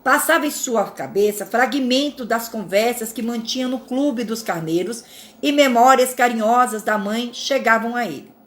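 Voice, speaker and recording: A woman reading a spiritual fable aloud in a calm, measured way, with small slips and self-corrections. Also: on the high side. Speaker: narrator.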